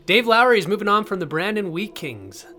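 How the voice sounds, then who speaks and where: A man's voice: high-pitched, sing-song, a little fast. A man hosting a podcast with scripted, announcer-like delivery. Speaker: podcast host. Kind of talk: scripted news narration and interview hosting. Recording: loud music bed under voice.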